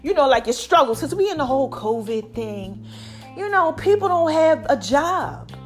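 An animated American woman in her forties with a high, swooping voice, slightly affected by allergies. She delivers a casual, hype monologue straight to her followers, stressing and repeating her phrases, with faint music behind her. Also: normal speed. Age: 40s. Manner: hype, emphatic, repeats catchphrases and checks in with "okay?". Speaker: online motivational host selling her own fitness line. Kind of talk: casual direct-to-audience monologue.

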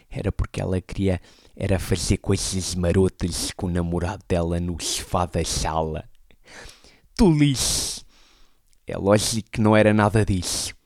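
Deadpan stand-up comedian. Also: male voice, sits low, dry recording, clean studio sound. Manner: deadpan, absurd storytelling. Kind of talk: stand-up storytelling.

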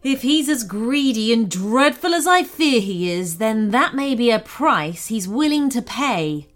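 A woman voicing a large, wise unicorn in a storybook, speaking in a solemn, measured way. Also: a little high, sing-song, soft background music. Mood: grave, warning.

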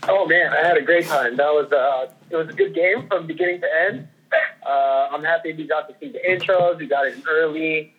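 A man's voice: fairly high pitch, fairly quick, slightly rough. A man co-hosting a sports podcast over the phone, easygoing and upbeat with filler ums. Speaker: podcast co-host. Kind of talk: casual sports podcast chat. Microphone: phone call. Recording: tinny phone line.

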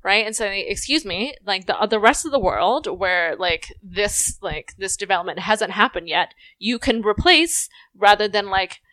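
A young woman born in Indonesia, talking casually in a podcast chat, animated, filling her sentences with "like" and swearing now and then. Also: medium pitch, measured pace, hardly any pauses, no echo.

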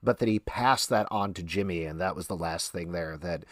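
Low-voiced man, earnest podcast co-host. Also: normal speed, dry recording, clean studio sound. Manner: earnest, self-deprecating, talks things through at length. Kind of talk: casual TV episode discussion.

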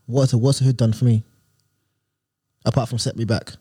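A young man with a London roadman accent and a husky, dark-toned voice. He speaks bluntly in casual street slang, brushing things off. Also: mid-range voice, level tone, moderate pace. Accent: London urban roadman.

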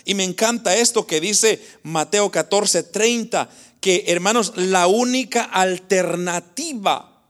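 A man delivers a sermon with a notably high voice. He speaks warmly to his listeners as brothers, building emphasis and slipping into animated retellings of scripture. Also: slow pace. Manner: animated, acts out Bible scenes in voices; addresses congregation as brothers. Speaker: pastor.

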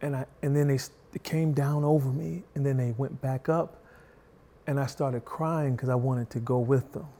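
Gentle and soft-spoken, this middle-aged interview show guest has a medium-pitched voice and keeps his cadence slow and even.

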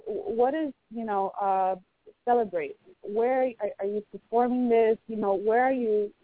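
Speaking a little slowly, with a mid-range voice and fairly even intonation, the host of a casual interview reads an intro and asks questions. Fillers and restarts abound in the hesitant delivery, recorded dry on a tinny phone line.

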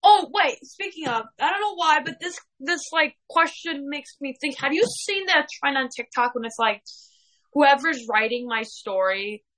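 A woman's voice: high voice, animated, moderate pace, hardly any pauses, a bit bright. A young woman co-hosting a casual podcast, giggly and teasing, rambling as she asks questions. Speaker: co-host.

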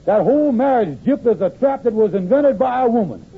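A man's voice: very high-pitched, expressive, brisk, breathy edge, exaggerated voice. A man playing a blustering, scheming henpecked husband in an old-time AM radio comedy, speaking a folksy ungrammatical dialect. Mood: grumbling. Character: blustering, henpecked lodge-leader husband, scheming and easily cowed. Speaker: comic actor. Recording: tinny, noisy old AM radio recording.

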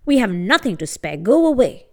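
A woman's voice: a little high, sing-song, moderate pace, vocal fry. A woman storyteller voicing a haughty young townswoman, curt and dismissive. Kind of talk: acted storytelling dialogue.

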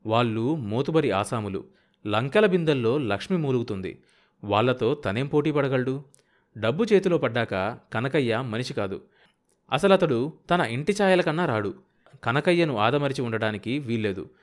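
A man narrating a novel as an audiobook in a steady, measured way. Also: mid-range voice. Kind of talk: novel reading.

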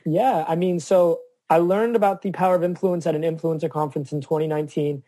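A man's voice: on the high side, steady tone, brisk, mellow, no echo. A man speaking as a guest on an interview podcast, earnest and reflective about advocacy. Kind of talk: casual interview chat.

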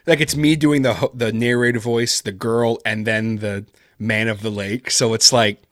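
Man, low voice, rambling casual chat, lots of fillers, dry recording. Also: steady tone, normal speed, fairly bright tone, dry recording. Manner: rambling, heavy on fillers like "like" and "kinda". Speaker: podcast guest, horror story writer. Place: based in Canada.

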